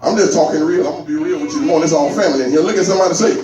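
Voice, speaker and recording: A male pastor with a Southern US accent preaching a call-and-response sermon, prompting the congregation and rising into shouts. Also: on the high side, very fast, far from the mic. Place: large church hall. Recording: echoey church hall mic'd from afar, crowd.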